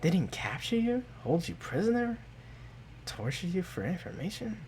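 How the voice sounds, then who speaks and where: A man voicing Zinnia, a weary goddess over a thousand years old who talks in a calm, drawling and sometimes hushed way. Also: fairly low pitch, moderate pace, slight background noise, pitched above the performer's own voice. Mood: languid. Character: ancient weary goddess woman, lofty and dry.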